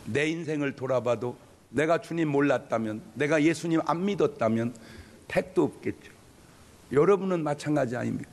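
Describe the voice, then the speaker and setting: A man preaching a sermon as a pastor, humorous and animated, calling out to his congregation in a church sanctuary. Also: on the high side, normal speed. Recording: long reverb of a large church hall.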